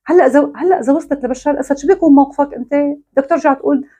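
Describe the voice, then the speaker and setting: Brief: Syrian woman vlogger, quick and sarcastic, voice sits a little high. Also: dark tone. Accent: Syrian Arabic. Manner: mocking, scolding, ironic. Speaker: online commentator. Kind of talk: sarcastic monologue to camera.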